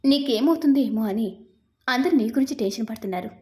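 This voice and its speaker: A woman's voice: on the high side, animated, quick pace, a little mellow, natural voice. A woman voicing a short-tempered young husband in a read-aloud story, teasing and exasperated.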